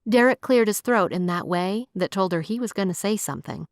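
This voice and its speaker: A woman narrating a romance audiobook in an even, measured storytelling voice. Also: medium pitch, no room sound, clean studio sound.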